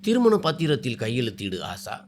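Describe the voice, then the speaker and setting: A man's voice: on the high side, very animated, moderate pace, a little hiss or hum. A man voicing a charming, possessive young groom. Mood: tender. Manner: teasing, coaxing, turns cold and threatening.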